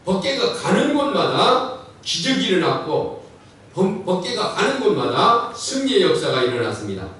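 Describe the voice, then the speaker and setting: Man preaching a sermon, voice jumps all over, kinda high, super echoey church, mic far off. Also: moderate pace. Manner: animated preaching with dramatic quoted voices. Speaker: pastor. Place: church sanctuary.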